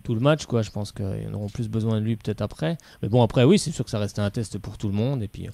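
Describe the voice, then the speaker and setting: A male radio co-host reporting club news and giving opinions on live sports talk radio, in steady, run-on sentences. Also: fairly low pitch, quick pace, gravelly, no echo. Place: radio studio.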